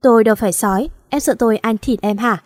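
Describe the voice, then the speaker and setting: A woman's voice: a little high, quick pace, close to an everyday voice. A woman reading as a smug young male teacher. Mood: teasing. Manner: cocky, needling.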